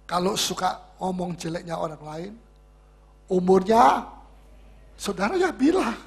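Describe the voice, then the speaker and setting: Male pastor, sermon, high pitched, gravelly, emphatic, repeats key words, humorous. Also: animated, unhurried. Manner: emphatic, repeats key words, asks and answers his own questions. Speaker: pastor leading Bible study.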